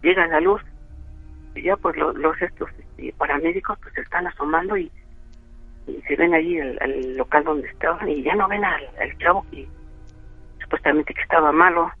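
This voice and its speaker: A man's voice: fairly high pitch, normal speed, slightly rough, dry recording, soft background music. A Mexican man telling a spooky story over the phone, rambling with many fillers. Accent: Mexican Spanish. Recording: tinny phone line.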